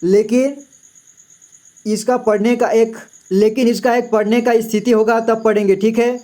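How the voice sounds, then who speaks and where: Slow, patient male teacher. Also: very high voice, flat delivery, warm tone. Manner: patient, repeats "theek hai" often. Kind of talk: slow classroom explanation.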